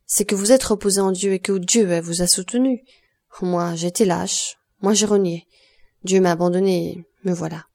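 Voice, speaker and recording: A woman's voice: fairly low pitch, steady tone, normal speed, vocal fry, mellow. A woman reading the part of a grieving woman near forty who speaks in sorrowful, self-accusing pleas. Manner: sorrowful, pleading. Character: grieving woman of thirty-nine, broken by guilt.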